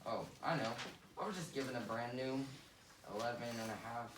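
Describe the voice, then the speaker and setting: A man's voice: medium pitch, fairly quick, natural voice. A man playing a hot-headed, boastful Southern congressman in a class skit, with a blustering, exaggerated delivery. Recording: echoey room, distant mic, noisy.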